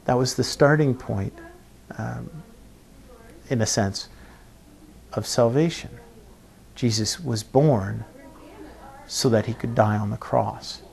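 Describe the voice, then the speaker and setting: Pausing and rephrasing as he reasons out loud, a male preacher works through a Bible passage in a relaxed sermon, frequently ending points with "right?" His gravelly, creaky voice is moderately pitched and a little mellow.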